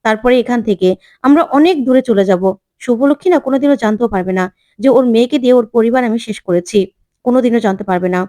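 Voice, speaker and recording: A scheming middle-aged man broods over his long revenge in a serial recap, voiced by a woman narrator. The delivery is rapid and high-pitched. The sound is dry and close. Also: mellow, no room sound, close to an everyday voice. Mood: vengeful.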